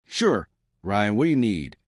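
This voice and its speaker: A man's voice: lowish voice, big pitch swings, a little slow, no echo, clean studio sound. A man voicing a friendly, upbeat male restaurant manager in a story he narrates. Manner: cheerful and accommodating.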